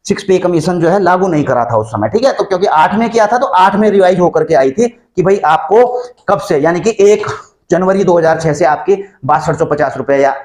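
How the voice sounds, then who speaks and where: A man's voice: high-pitched, lively intonation, a little fast, a little mellow. A man hosting an online channel, explaining rules to viewers in a chatty, conversational way, often calling them friends. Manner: chatty, addresses viewers as friends, frequent fillers and restarts. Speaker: YouTube channel host explaining army pension rules.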